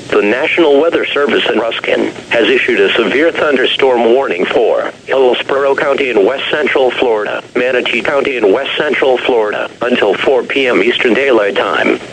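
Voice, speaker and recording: A synthetic man's voice reading emergency alert weather bulletins in a measured, formal, impersonal way. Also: medium pitch, crowd noise. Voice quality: synthetic text-to-speech voice. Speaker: automated weather radio announcer. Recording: noisy weather radio broadcast.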